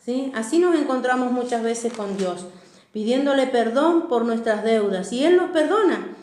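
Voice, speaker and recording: A woman's voice: fairly high pitch, lively intonation, normal speed, a little mellow, reverberant. A woman pastor preaching a sermon, often checking in with the congregation. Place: church.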